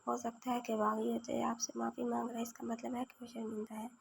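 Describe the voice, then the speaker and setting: Lady reading as a calm patient dad, quiet soothing tone, flat and gravelly. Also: fairly high pitch, brisk, a little hiss or hum. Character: middle-aged father, calm and patient. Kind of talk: novel read aloud.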